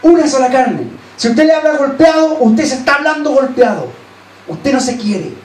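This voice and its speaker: A man with a Chilean accent preaching a sermon as pastor, earnestly urging his listeners, then dropping to soft, low asides. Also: normal speed. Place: church hall. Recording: echoey church hall, distant mic, faint hiss.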